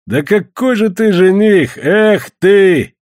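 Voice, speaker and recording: A man voicing a sly, mocking trader who banters loudly and teases everyone. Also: fairly high pitch, very animated, moderate pace, slightly rough, dry recording, studio quality, voice pushed up. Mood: teasing. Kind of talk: audiobook character voice.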